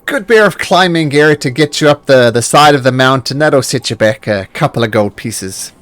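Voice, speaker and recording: Guy doing a friendly shopkeeper in a tabletop rpg, folksy, helpful, really animated pitch. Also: normal speed, no room sound, close to an everyday voice. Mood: helpful, salesmanlike. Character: friendly, generous male expedition outfitter and shopkeeper. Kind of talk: improvised tabletop role-play.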